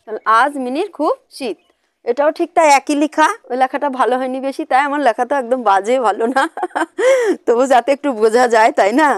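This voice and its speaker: A woman teaching young children to spell, sounding out letters slowly in a sing-song way and often asking them questions. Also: high-pitched, no room sound, clean studio sound.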